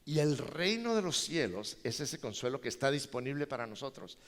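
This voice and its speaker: A male pastor preaching a sermon, animated and joking with his congregation. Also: mid-range voice, a little fast. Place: large church hall. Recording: reverberant church hall.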